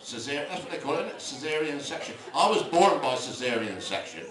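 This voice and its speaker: An older comedian's fairly high voice swings widely in pitch as he moves fairly quickly through dry one-liners and rambling asides onstage. Laughter from a loud audience echoes through the club, captured by a mic set at a distance.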